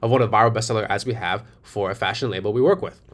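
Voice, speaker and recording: Speaking very fast in a lowish voice, this New Yorker with a matching accent pitches his agency's services over a slide presentation. He leans on rhetorical questions and keeps coming back to the same key phrases.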